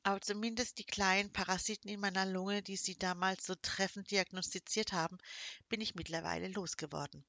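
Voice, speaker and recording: A woman's voice: mid-range voice, steady tone, a little fast, pushed and bright, no room sound. A woman voicing a smug, menacing middle-aged nobleman with a silky, mocking, condescending manner. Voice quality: croaking when pained.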